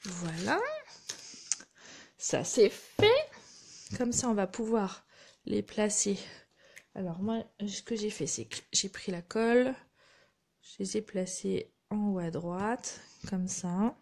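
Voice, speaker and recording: A woman's voice: mid-range voice, lively intonation, slow pace, pauses often, darkish tone. Chatty woman demonstrating crafts. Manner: chatty, narrates her hands-on work with little asides. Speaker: crafting demonstrator hosting a live stream. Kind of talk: live craft tutorial chat.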